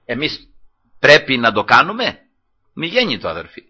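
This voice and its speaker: A man's voice: mid-range voice, huge pitch swings, sharp tone, slightly rough, lo-fi sound. A male preacher delivering a sermon, retelling a scripture story with acted quotes and repeatedly addressing his listeners as brothers.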